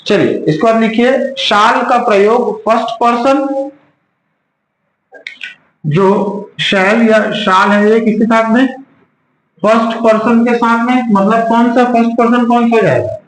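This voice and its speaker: Recorded amid roomy classroom echo, a male teacher with a very high-pitched voice gives a grammar lesson at a measured pace. His students face repeated questions as he quizzes them again and again.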